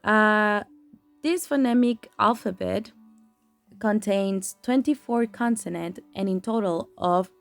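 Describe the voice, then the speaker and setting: A woman's voice: medium pitch, slow, vocal fry, soft background music. A woman gives a classroom presentation on phonology, explaining with frequent ums and restarts.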